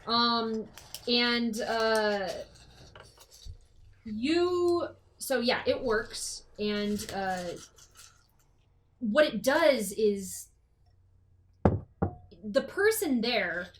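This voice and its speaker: A woman game master improvising tabletop game narration in a halting, informal way. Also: on the high side, lively intonation, slight background noise, rough recording.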